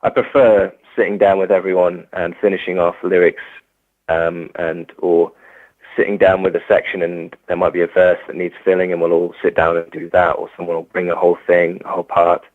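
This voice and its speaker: This young Englishman is a musician guest in a relaxed interview, stumbling through his answers with plenty of fillers and false starts. He speaks a little fast in a low, flat voice. The dry recording has a thin, phone-like quality.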